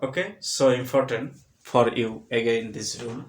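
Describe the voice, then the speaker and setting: Bangladeshi guy teaching english pronunciation, super slow and deliberate, sounds echoey like a bare room. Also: medium pitch. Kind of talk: spoken English pronunciation lesson. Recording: echoey room, voice distant from the mic.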